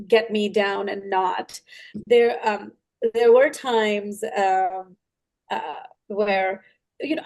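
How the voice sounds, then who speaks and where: A woman, a pediatric dentist, telling a personal story in an interview with many fillers, putting on lively quoted voices. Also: medium pitch.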